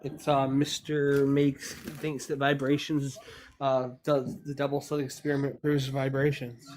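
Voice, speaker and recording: A man's voice: mid-range voice, monotone, unhurried, darkish tone. A middle-aged man in a casual online debate, explaining his points argumentatively and repeating himself as he goes. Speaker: panelist on a live debate stream. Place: online voice call.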